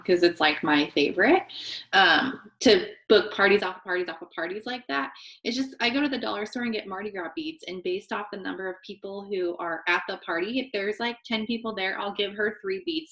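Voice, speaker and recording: A woman's voice: medium pitch, fairly bright tone, low-quality recording. A woman hosting a group video call, enthusiastic and rambling as she explains a game. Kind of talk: casual group call talk.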